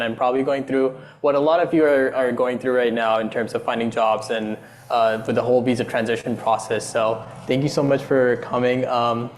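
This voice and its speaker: Flat-voiced young man facilitating a panel. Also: mid-range voice, slight background noise. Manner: friendly and welcoming. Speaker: panel facilitator, international student.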